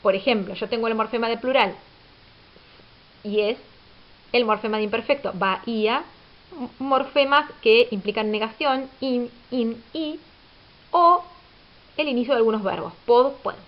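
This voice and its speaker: High-voiced woman giving a grammar lecture. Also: moderate pace, long pauses. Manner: patient, explanatory, rhetorical questions. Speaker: teacher. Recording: dull lo-fi audio.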